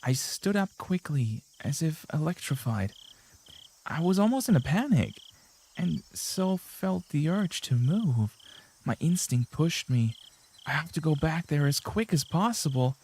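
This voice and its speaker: A frantic teenage girl's racing inner voice, read out by a man in his own fairly high register. Tense and jittery, she keeps talking herself down from panic. It sounds like a visual novel read aloud. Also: expressive, a little slow, a little mellow, slightly rough, full character voice. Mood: panicked. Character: panicking teenage girl sneaking through a school.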